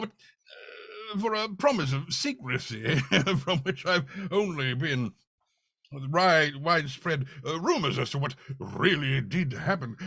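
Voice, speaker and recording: A man performs an older doctor telling his adventures in 1940s radio style. He is blustery and easily exasperated, stumbling and chuckling. The voice is bright, husky and swings widely in pitch. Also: no room sound, heavily acted. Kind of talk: 1940s radio acting, read live.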